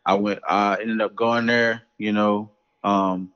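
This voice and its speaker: A man's voice: fairly low pitch, little pitch movement, takes it slowly, a bit bright, smooth, lo-fi sound. A man from South Carolina answering interview questions in an easygoing, hesitant way. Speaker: interview guest, athlete. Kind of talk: casual interview.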